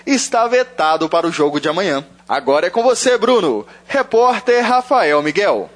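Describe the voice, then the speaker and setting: A radio reporter, a man with a notably high voice, reads a prepared sports report. His delivery is steady and scripted, each sentence evenly paced. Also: moderate pace, soft background music. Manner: crisp, even reading of a prepared report.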